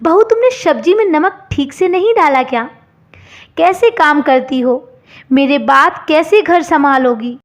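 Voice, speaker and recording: A woman's voice: high voice, animated, unhurried. A woman voicing a stern older mother-in-law who scolds sharply in a storybook tale. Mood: scornful.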